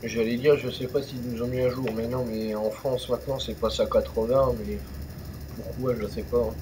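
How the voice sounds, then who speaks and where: A man's voice: medium pitch, little pitch movement, moderate pace. Rambling young man, noisy home mic. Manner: rambling, hesitant, many fillers and restarts. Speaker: gaming youtuber. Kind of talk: casual let's-play commentary.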